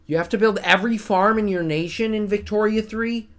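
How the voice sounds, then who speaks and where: A man with a soothing voice streams a strategy game, chatting casually with viewers, reading and answering chat, and poking fun at himself. His voice is high-pitched, a bit bright, and fairly quick.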